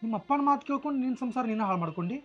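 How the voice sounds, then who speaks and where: A man's voice: very high voice, expressive, rapid-fire. A man playing an angry husband in a rural family drama, scolding his wife. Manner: heated and scolding. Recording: slightly dull sound with faint music.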